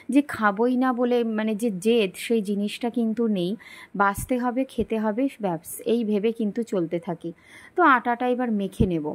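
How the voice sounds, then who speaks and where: A young woman, talking softly and slowly through a daily vlog while feeling unwell. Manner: soft, slow and low-energy. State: unwell and tired. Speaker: vlogger. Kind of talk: daily life vlog voice-over.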